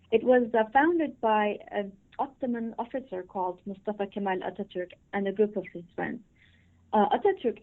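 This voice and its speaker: A middle-aged woman from Turkey, whose first language is Turkish, answering interview questions in a measured way with many fillers. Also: medium pitch. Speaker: interview guest, professor. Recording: phone-line quality.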